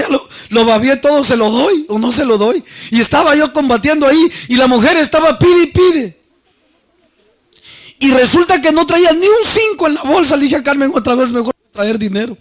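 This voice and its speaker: A man preaching a sermon, telling a personal story and acting out the voices he quotes, swinging between loud and soft. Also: extremely high pitch, lively intonation, brisk.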